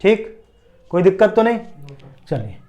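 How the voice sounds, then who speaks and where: A man's voice: high-pitched, big pitch swings, measured pace, warm tone, dull audio. A man teaching a biology lesson at a board, explaining step by step and asking and answering his own check questions. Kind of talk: classroom lecture at a board.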